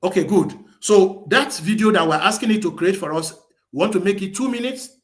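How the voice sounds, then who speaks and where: A man's voice: high-pitched, fairly quick. A man presenting a webinar as a live screen-share tutorial, thinking aloud as he types, restarting and correcting himself.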